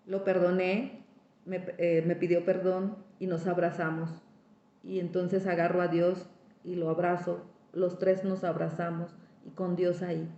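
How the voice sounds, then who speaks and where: In a dull, echoey lo-fi recording, a woman with a fairly low, warm voice tells her spiritual recovery testimony, speaking straight to listeners and repeating herself for emphasis.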